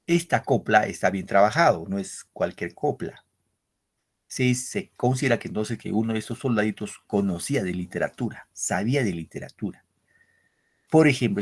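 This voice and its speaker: A man gives an online literature lesson in a somewhat low voice. He explains step by step, speaks directly to his students and keeps checking that they follow. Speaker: teacher. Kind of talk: online class lecture.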